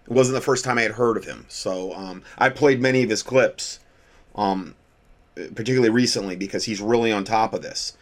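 A man's voice: lowish voice, fairly quick. American man giving off-the-cuff commentary. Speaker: commentator hosting a show. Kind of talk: informal political commentary.

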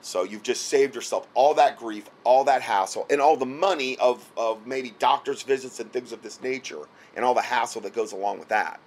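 Late at night, a health product seller whose voice is going offers casual instructional advice in a mid-range voice at normal speed, with hardly any pauses. He's repetitive, doubling back on words and frequently checking in with an "okay?"

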